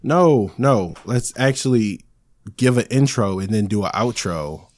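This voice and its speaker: Lively low-voiced man cohosting. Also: a little slow, dry recording. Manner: swears often, exasperated asides. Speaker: podcast co-host. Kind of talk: casual chat.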